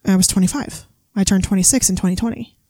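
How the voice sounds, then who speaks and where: A woman's voice: medium pitch, fast, warm tone, dry recording. A woman in her late twenties, a podcast co-host in casual chat, talking in a dramatic, complaining way. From Ohio, US. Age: 20s.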